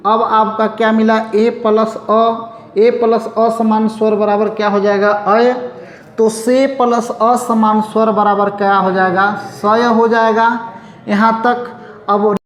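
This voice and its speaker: Slow, echoey Hindi grammar teacher, male. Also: high voice, level tone. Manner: repeats rhetorical questions to students. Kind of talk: whiteboard lesson. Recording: echoey room.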